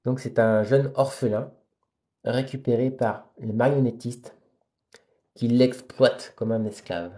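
A man with a mellow, dark voice reads a novel aloud at a steady pace, speaking into a phone on a live stream. Between passages he chats with viewers in plain, hesitant speech. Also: medium pitch, measured pace. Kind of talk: live reading aloud with chatty asides to viewers.

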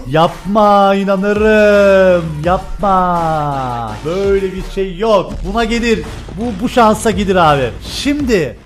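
Brief: high, loud male gamer who yells and curses at big wins, game music behind. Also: slow pace. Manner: loud, shouting, swearing when excited. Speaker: gaming YouTuber. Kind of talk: excited gameplay chat.

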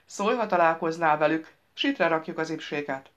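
A woman reading an audiobook, voicing a practical male cop who speaks briskly and matter-of-factly. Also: low-pitched, natural voice.

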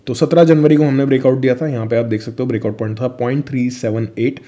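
A young man talks through price charts in a loose, chatty way, dropping fillers and mixing in phrases. His voice sits in a mid range with a mellow, darker tone. He sounds like a vlogger addressing his regular viewers directly. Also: mid-range voice, steady tone, quick pace. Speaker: crypto vlogger. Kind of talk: screen-share chart walkthrough.

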